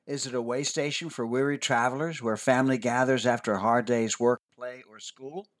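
A man hosting a scripted parenting talk, measured and expressive, sometimes dropping to a whisper for emphasis. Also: medium pitch. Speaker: host, family counselor.

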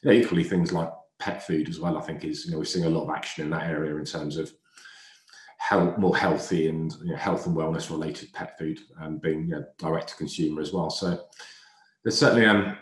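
A man's voice: extremely low pitch, fairly even intonation, a little fast. A man talking as a guest retail analyst in a casual podcast chat, thoughtful and full of fillers. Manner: thoughtful, many fillers and restarts. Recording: roomy echo.

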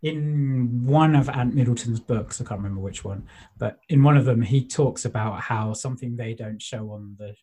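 Male interviewer, dark mellow tone, husky, casual questioning. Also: medium pitch, normal speed.

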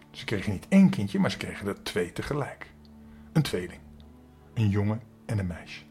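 An older man with a voice on the low side tells a storybook tale to young children, speaking to them directly in a gentle, expressive way.

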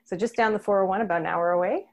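A woman's voice: mid-range voice, rapid-fire. A woman in her thirties from Canada, an associate professor talking steadily and thoughtfully as a podcast guest. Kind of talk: conversational interview.

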